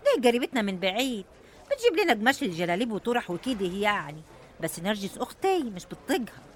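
A woman's voice: medium pitch, very animated, fast, slight background noise, natural voice. An actress playing an anxious, deferential village woman with a rural Egyptian accent, pleading and lamenting in a radio drama. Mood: meek.

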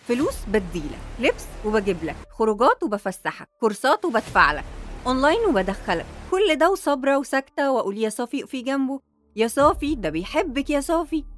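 A woman playing a bitter, jilted woman who speaks with an Egyptian Arabic accent in a sharp, accusing manner. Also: sits high, very animated, quick pace.

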